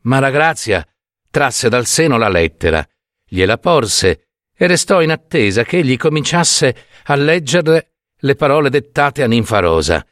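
A man narrating a classic short story in an expressive, theatrical reading. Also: medium pitch, a little slow, dry recording, clean studio sound.

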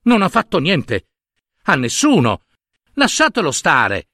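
A man voicing a protective, proud mother duck in a storybook reading, with a high sing-song quacking manner. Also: wildly swooping pitch, takes it slowly, pushed and bright, no echo, clean studio sound, full character voice.

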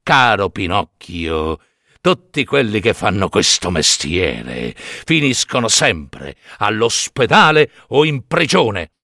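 A man's voice: on the low side, sing-song, pushed and bright, no echo, clean studio sound, pitched below the performer's own voice, heavily acted. A man voicing a patient, moralizing old male cricket who chirps as he speaks. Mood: lecturing. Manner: slow moralizing, chirps cri cri.

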